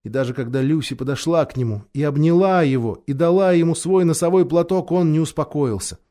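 A man narrating a children's fantasy storybook in a measured, expressive reading style. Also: on the high side. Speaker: audiobook narrator. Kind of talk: scripted narration.

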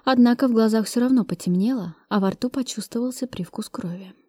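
Woman reading an action audiobook, steady and brisk, warm low-ish tone, dry close mic. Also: dry recording. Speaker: audiobook reader. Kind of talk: first-person audiobook narration.

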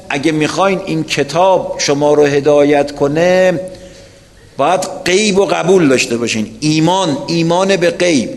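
A man's voice: a little high, big-room sound. A man preaching to a weekly religious gathering, telling a story and putting questions straight to his listeners. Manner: storytelling, addresses listeners directly with rhetorical questions. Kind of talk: religious lecture to a weekly congregation.

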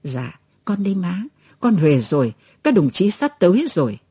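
A devoted young daughter, pleading through tears, as a woman puts her on in a storybook. Her voice is warm and slightly breathy and swings widely in pitch. The recording is close and dry. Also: very animated, moderate pace, full character voice. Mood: pleading, tearful. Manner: pleading, tearful.

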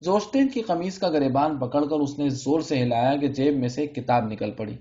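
A man narrating a literary audiobook in a measured, expressive storytelling manner, on a dull lo-fi recording. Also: medium pitch.

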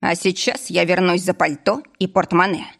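A woman's voice: lowish voice, fairly even intonation, normal speed, vocal fry. A woman reading an audiobook voices a stern former police officer who speaks firmly and curtly. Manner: firm, commanding, curt.

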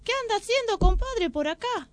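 A woman's voice: lively intonation, moderate pace, no echo. A woman voicing a sly, crafty male fox in a storybook tale, speaking in a wheedling way in a radio studio. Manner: wheedling, crafty, turns to high panicked shouts. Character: sly cunning male fox, scheming trickster.

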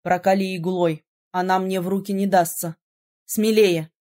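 Woman voicing a stern young male prince mage, gruff and grave, audiobook. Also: mid-range voice, steady tone, normal speed, dark tone, pitched below the performer's own voice, lightly acted. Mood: commanding.

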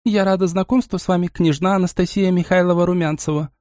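A male narrator voicing a calm, gentle young princess who can see the future, speaking in a soft, mentoring tone. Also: on the high side, fairly quick, no echo, studio quality, voice pushed up, lightly acted.

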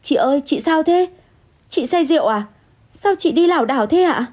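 A woman voicing a frightened young woman who pleads in a high, tearful voice. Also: expressive, normal speed, a little mellow, breathy edge. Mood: worried. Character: young woman, frightened, then stubbornly honest.

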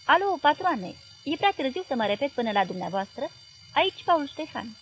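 A man's voice: extremely high pitch, sing-song, a bit bright, soft background music, pitched above the performer's own voice, full character voice. A woman reading an earnest young journalist. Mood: urgent.

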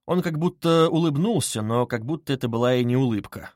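A male audiobook narrator reads a scripted novel in a measured, even storytelling style. His voice sits in the mid range, captured with clean studio sound and no room ambience.

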